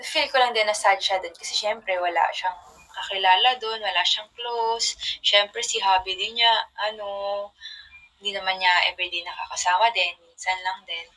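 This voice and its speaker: A young woman casually chatting on a livestream from her phone, telling rambling stories with soft trailing asides. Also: medium pitch, steady tone, normal speed, a little hiss or hum, low-quality recording.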